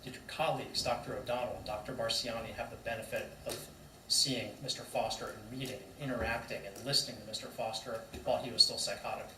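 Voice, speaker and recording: A man questioning a witness in court as an attorney, brisk and pointed, in a courtroom recording. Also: mid-range voice, steady tone, sharp tone. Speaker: defense attorney. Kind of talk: courtroom cross-examination. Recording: distant echoey courtroom mic with noise.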